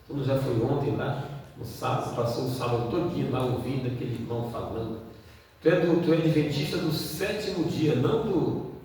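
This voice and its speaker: A man's voice: mid-range voice, fairly quick, darkish tone, pitched below the performer's own voice, natural voice. A man voicing a sly male serpent voice that tempts and coaxes, murmuring as it wheedles. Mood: coaxing. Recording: echoey hall from far off.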